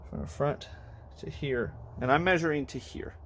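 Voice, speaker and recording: This man's voice sits on the higher side, animated and a bit bright, at a moderate pace, with a slight hiss or hum. A car audio hobbyist vlogger, he gives a rambling, casual tour of his audio build from inside a car in a garage, breathless, self-correcting and full of fillers.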